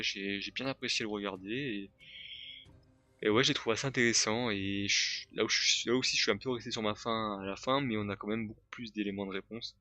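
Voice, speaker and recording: A man's voice: lowish voice, bright, forceful tone. A young man giving casual, hesitant film reviews, with many fillers and restarts. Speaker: YouTuber reviewing films.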